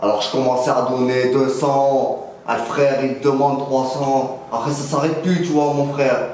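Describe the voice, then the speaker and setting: A man's voice: medium pitch, fairly even intonation, normal speed, a little mellow, natural voice. Casting: male performer as cocky young street dealer, mock interview, loose French street slang, heavy room echo. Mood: self-justifying. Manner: slangy, rambling, punctuated with filler address words. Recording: very echoey room, faint noise.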